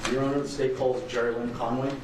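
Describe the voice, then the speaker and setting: A man's voice: medium pitch, quick pace. A man working as prosecutor questions a witness in a formal, polite way, heard in a courtroom recording. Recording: roomy courtroom sound with steady noise.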